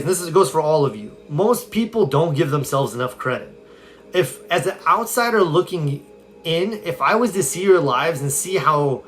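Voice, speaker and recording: A man with a slightly high voice chats on a live phone stream, upbeat and conversational as he answers viewer questions. Faint music plays quietly behind him. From California. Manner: upbeat, conversational, reads viewer comments aloud. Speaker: self-help coach.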